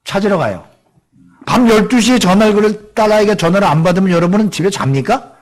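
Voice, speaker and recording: A middle-aged male pastor delivers a sermon in a church, with a fairly high voice that rises and falls a great deal. He keeps putting questions to the congregation and slips into the voices of the people he quotes. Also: fast. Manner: lively preaching, acts out quoted voices, asks the congregation questions. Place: church sanctuary.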